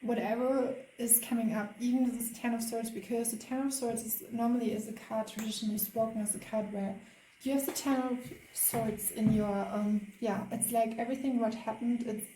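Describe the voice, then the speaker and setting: A woman's voice: on the high side, fairly even intonation, normal speed, reverberant, a little hiss or hum, poor audio. A woman with a German accent doing a spiritual tarot reading, hesitant and full of fillers. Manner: hesitant, many fillers, soft laughs. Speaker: tarot card reader.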